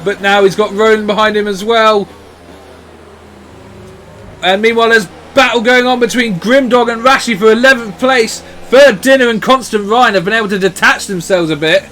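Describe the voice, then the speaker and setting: A man commentating live on motor racing as a motorsport commentator, in an excitable, exclamatory way. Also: high-pitched, moderate pace, slight background noise.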